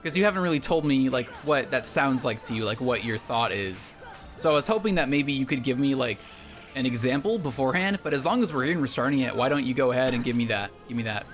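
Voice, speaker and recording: A man's voice: medium pitch, expressive, fast, faint music behind. A man playing a video game and chatting with his co-host, mock-boastful and sarcastic in his jokes. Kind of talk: casual gameplay commentary.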